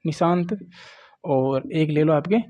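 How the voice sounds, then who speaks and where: Lecturing at a board, this Rajasthani teacher walks his students through grammar in a slightly high, dark-toned voice, speaking slowly with fairly even intonation. His plain, coaxing style leans on repeated "देखो" (look) and "ठीक है" (okay).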